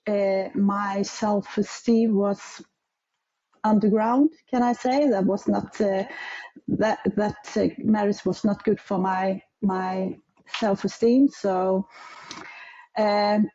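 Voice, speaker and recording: A middle-aged woman from Iceland with an Icelandic accent, telling her story as an interview guest and pausing to search for English words. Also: mid-range voice, warm tone, highs cut off.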